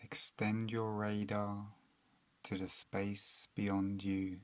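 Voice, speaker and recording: A man with a fairly low pitch leads a guided meditation. His delivery is soothing, calm and unhurried, with long silences between phrases, and the recording has no echo.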